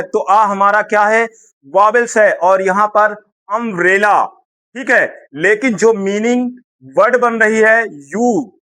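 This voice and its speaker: A man with a high, bright and crisp voice teaches grammar. He repeats each point, asks the class a question and answers it himself. He speaks fondly to his students. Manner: affectionate toward students.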